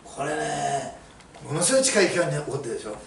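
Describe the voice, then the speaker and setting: A man's voice: on the high side, expressive, fast talker, creaky. A middle-aged man preaching a sermon as a pastor, telling stories chattily with many fillers. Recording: roomy, mic at a distance, faint hiss.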